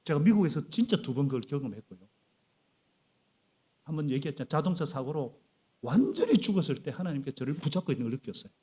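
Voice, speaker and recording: A middle-aged male pastor preaching a sermon in a church, animated and prompting the congregation to repeat after him. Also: a little high, fast talker, husky. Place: church sanctuary.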